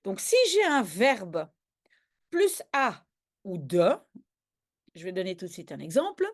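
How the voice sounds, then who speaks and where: A native Dutch-speaking language teacher explains grammar in a video lesson, going patiently step by step and often pausing to check that listeners are following. Her mid-range voice is very animated and a little slow.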